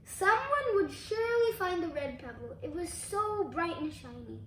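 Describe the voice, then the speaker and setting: Child storybook reader, very high voice, careful delivery, recorded in an echoey room. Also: sing-song, moderate pace, fairly bright tone. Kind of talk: storybook read-aloud. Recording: echoey room, faint background noise.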